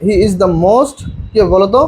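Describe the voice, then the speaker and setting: A young man with a high voice teaches an online English class for admission tests. He reads the example sentences slowly and deliberately and keeps coaxing his students to answer. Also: a little mellow, low-quality recording. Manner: coaxing, calls students "ভাইয়া" and prompts them to answer. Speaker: English admission-test tutor.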